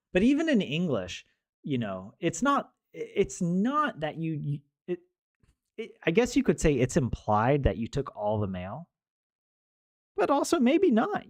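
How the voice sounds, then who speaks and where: A young man with a medium-pitched voice chats with his stream viewers while he studies a language, joking, laughing and starting his rambling sentences over and over. The recording has no echo.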